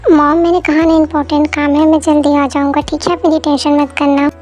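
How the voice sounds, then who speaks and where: A woman doing a breezy, high-voiced young son. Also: flat delivery, brisk, a little mellow, soft background music, lightly acted. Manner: dismissive, breezy. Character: carefree young adult son. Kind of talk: amateur dubbed story.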